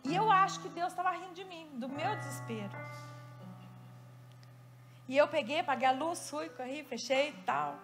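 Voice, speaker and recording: Brazilian woman pastor preaching in church, high voice, music playing underneath, lively storytelling. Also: moderate pace, long pauses. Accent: Brazilian Portuguese. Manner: animated storytelling with quoted asides. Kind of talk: sermon.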